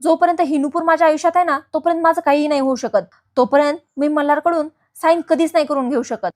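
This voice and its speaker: A woman's voice: sits high, steady tone, quick pace, darkish tone, lightly acted. A woman voicing a scheming, possessive woman who scolds sharply. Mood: angry. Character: hot-tempered scheming woman, fiercely possessive.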